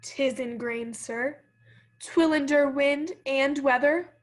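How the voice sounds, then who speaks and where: A woman's voice: high-pitched, slow. A woman acting a proud young countess, speaking Shakespearean lines in an arch, teasing way. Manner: arch, teasing verse delivery. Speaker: actor.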